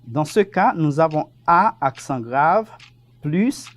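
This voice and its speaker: A male teacher giving a televised French lesson, speaking slowly and patiently, spelling words out and repeating them. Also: fairly high pitch, expressive.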